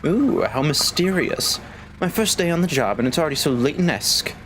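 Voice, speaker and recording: A man voicing an eager, cheerful young woman assistant from a video game, talking in a chirpy, excitable way. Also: fairly high pitch, a little fast, slight background noise.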